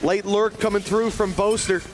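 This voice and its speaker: A man giving esports caster commentary in dramatic, punchy phrases with drawn-out emphasis on key words. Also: sits high, steady tone, slight background noise.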